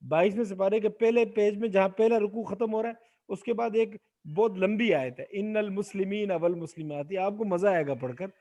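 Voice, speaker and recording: A man's voice: high-pitched, warm tone, muffled recording. A man teaching Arabic grammar in an online class, putting questions to his students and having them answer aloud. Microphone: video call.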